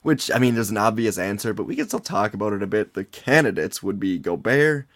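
A man's voice: fairly low pitch, sing-song, brisk. A man co-hosting a casual sports podcast in an informal, conversational way. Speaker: podcast co-host.

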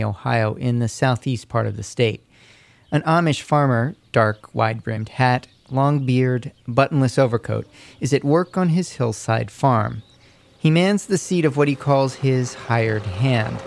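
A man narrating a scripted radio feature report in a measured, descriptive way. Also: medium pitch, vocal fry, darkish tone.

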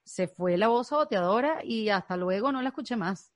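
A woman's voice: mid-range voice, expressive, normal speed, no echo. Woman host, dry close sound. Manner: thoughtful, conversational, asks open questions. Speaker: podcast host. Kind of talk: casual interview conversation.

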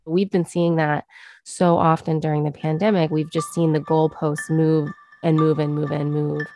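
A woman's voice: deep voice, little pitch movement, moderate pace, dark tone, soft background music. A woman with an American accent, a journalist explaining things casually and conversationally as an interview guest.

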